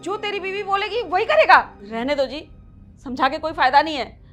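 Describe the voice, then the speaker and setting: Actress as hurt mother-in-law, very high pleading voice, soft music under. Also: expressive, moderate pace. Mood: complaining. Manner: pleading, complaining. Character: wounded, complaining mother-in-law.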